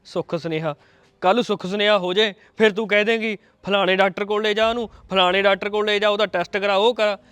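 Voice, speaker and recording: A man playing a fast-talking Punjabi son. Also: sits high, steady tone, fairly bright tone, clear, resonant tone, no echo. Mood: arguing. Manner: quick, arguing, mocking. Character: frustrated grown son arguing with his mother.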